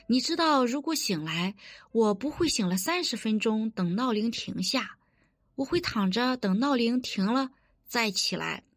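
A woman's voice: on the high side, dry recording, clean studio sound. A woman preaching a sermon in an earnest, instructive way, quoting scripture and giving practical advice.

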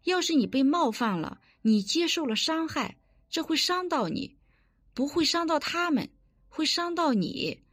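Lively woman preaching a sermon. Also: high-pitched, unhurried, no echo, studio quality. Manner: earnest, instructive, quotes scripture.

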